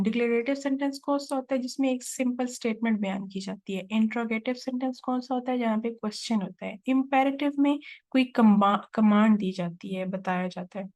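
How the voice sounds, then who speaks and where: A woman teaching a test-prep lesson, reading each English question slowly and then explaining it in Urdu-Hindi. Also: fairly high pitch, darkish tone.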